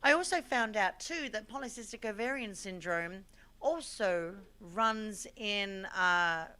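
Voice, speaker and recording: A woman hosting a live call-in talk show, talking in a loose, animated way and often repeating herself. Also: medium pitch, slow pace. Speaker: show host. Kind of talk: casual live call-in chat.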